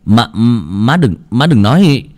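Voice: medium pitch, sing-song, slow, a little mellow. A storyteller voicing a short-tempered young husband who barks curt orders. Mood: harsh.

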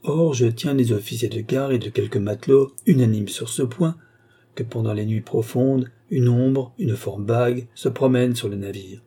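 An eccentric, stubborn doctor who swears he believes in ghosts, as a man reading a novel aloud puts him on. He presses his point earnestly in a dark, mellow, breathy voice. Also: medium pitch, normal speed, lightly acted. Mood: insistent.

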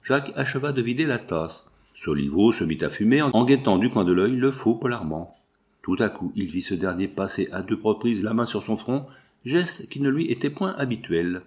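A man's voice: on the low side, expressive, moderate pace, a little mellow. Man narrating a classic novel. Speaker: audiobook reader.

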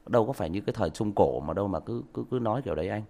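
A man's voice: on the low side, expressive, racing, vocal fry, mellow. A man, hosting a livestream and lecturing a rude commenter with mock politeness and emphatic rhetorical questions. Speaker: audiobook livestream host.

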